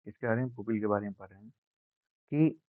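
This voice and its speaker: A man teaching an exam-prep science lesson, speaking slowly and repeating key words, asking questions and answering them himself. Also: fairly low pitch, no echo. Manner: slow, repetitive, asks and answers own questions. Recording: dry, phone-like narrow sound.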